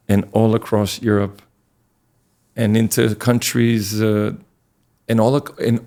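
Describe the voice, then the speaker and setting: A middle-aged man from Connecticut, a priest telling his life story in an earnest, relaxed way as an interview guest. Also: on the low side, creaky. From Connecticut, USA.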